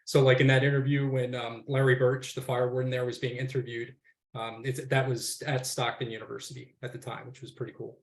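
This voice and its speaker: A man's voice: mid-range voice, little pitch movement, brisk, echoey room. A man on the forestry faculty of a university, speaking in a casual, rambling way on a webinar panel, with many fillers and restarts.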